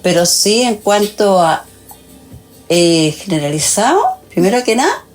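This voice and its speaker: A woman of almost eighty giving a candid, halting answer in an interview. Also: medium pitch, animated, soft background music. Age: about 80.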